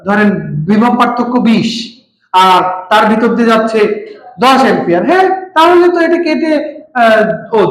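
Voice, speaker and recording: A male teacher voicing a curious student who hesitantly thinks a question through aloud to his teacher. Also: very high voice. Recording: echoey room.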